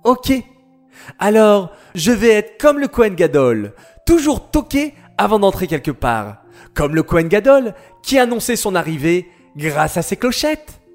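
A man voicing an eager, curious young boy who asks excited questions in a children's story. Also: sits high, a little slow, soft background music.

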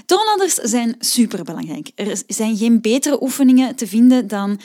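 A woman's voice: a little high, very animated, normal speed, dark tone. Chatty Flemish woman vocal coach. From Belgium. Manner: chatty, explanatory, with frequent ehm fillers. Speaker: podcast host and vocal coach. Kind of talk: podcast singing lesson.

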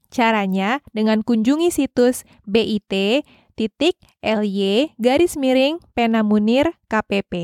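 A woman's voice: a little high, a little mellow, no echo, clean studio sound. A woman with an Indonesian accent hosting a podcast, reading scripted narration in casual everyday language. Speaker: podcast host.

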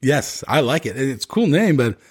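Male host, informal and upbeat, middle pitch with lively swings in intonation. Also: moderate pace, husky. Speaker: podcast host. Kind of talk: casual interviewing.

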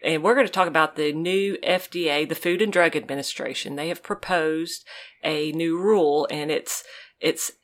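A woman's voice: sits low, normal speed. A woman co-hosting a casual podcast, friendly and reacting readily to her co-host.

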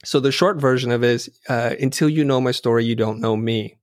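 A middle-aged man, a native Vietnamese speaker, appears as an interview guest; he is a designer and teacher. His mid-range voice moves fairly quickly as he tells stories in an earnest, thoughtful way, often restarting sentences. The recording is dry and studio quality.

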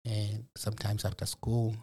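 A man from Malawi, a resident guest of the program, looks back on his life in an interview, reflective and heavy on fillers such as "you know." He speaks at normal speed in a lowish, dark, slightly rough voice with a level tone.

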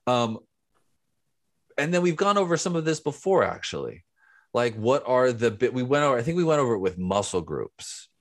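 A man's voice: medium pitch, very animated, moderate pace. A man co-hosting a podcast in casual chat, explaining things step by step. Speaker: podcast co-host.

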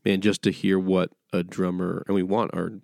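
A man hosting a casual church podcast, friendly and energetic. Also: deep voice, moderate pace, vocal fry, dry recording, studio quality. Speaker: podcast host. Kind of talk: casual chat.

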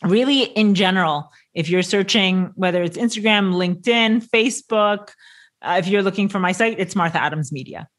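A woman appears as an author guest in an interview. She sounds upbeat and laughs between her words. She speaks in a clear, natural way. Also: mid-range voice, moderate pace.

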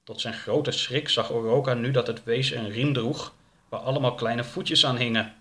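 A man narrating a storybook in a calm, steady way. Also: mid-range voice, moderate pace.

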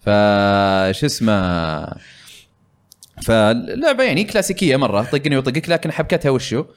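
A man's voice: mid-range voice, lively intonation, moderate pace. A man hosting a casual gaming podcast, talking in a rambling way with many fillers. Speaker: podcast host.

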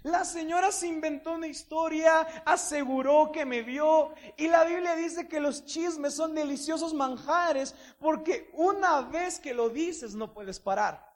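Man, very high-pitched, playful humorous preacher storytelling. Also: measured pace, few pauses. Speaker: speaker.

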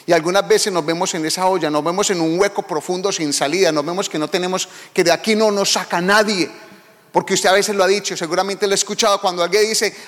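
A man's voice: high-pitched, steady tone, quick pace, a bit bright, in a large hall. A pastor preaching a sermon, emphatic and calling out to his congregation.

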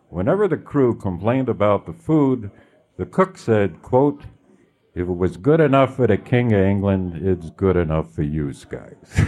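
A man hosting a theater radio hour in a lively, storytelling way, his pitch swinging widely as he leans into the anecdotes. His voice sits low and slightly husky. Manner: lively, storytelling delivery with playful emphasis. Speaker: radio show host. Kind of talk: scripted radio hosting and interview.

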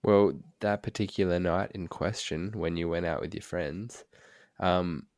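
Deep-voiced dad co-hosting a podcast. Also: male voice, unhurried, a little mellow, no echo, studio quality. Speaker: podcast co-host, father. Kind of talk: casual podcast chat.

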